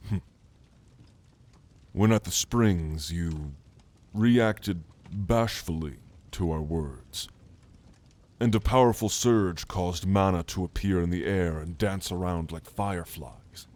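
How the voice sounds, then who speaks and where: Voicing a kind, bookish orc mage for ASMR, a man addresses the listener closely in a soft, earnest, hesitant way. The low-pitched delivery feels gentle and coaxing.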